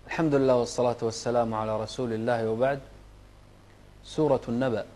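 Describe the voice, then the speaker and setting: A man teaching Quran recitation, patiently correcting mistakes and demonstrating each verse in a slow chant. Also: mid-range voice, fairly even intonation, warm tone. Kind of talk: recitation lesson, chanting verses for children to repeat.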